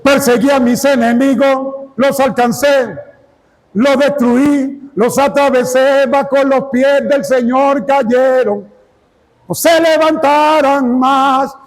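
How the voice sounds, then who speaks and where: High-voiced preaching man, shouting climaxes. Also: fairly even intonation, takes it slowly, long reverb tail, rough recording. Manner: speaks in tongues at the peaks. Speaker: pastor. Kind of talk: fiery sermon.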